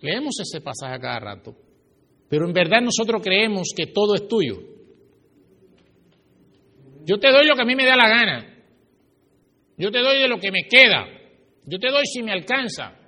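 A man preaching a sermon as pastor to his church, swinging his pitch and volume for emphasis. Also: big pitch swings, normal speed, pauses often, bright, forceful tone. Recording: reverberant hall.

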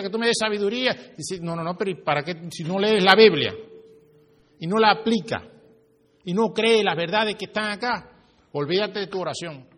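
A man preaching a sermon as pastor to his church, swinging his pitch and volume for emphasis. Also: fairly bright tone. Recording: reverberant hall.

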